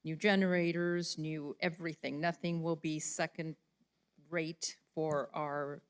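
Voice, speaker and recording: A woman with a slightly low voice chairs a county commission meeting. She asks the staff direct, practical questions, one after another. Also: fairly even intonation, unhurried.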